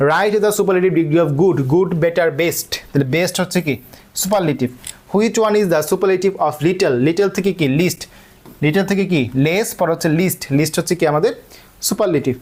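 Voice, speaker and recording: A man with a Bangladeshi Bengali accent teaching an online grammar class. He explains step by step, keeps checking that students follow, and reads the English questions slowly. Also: high voice, darkish tone.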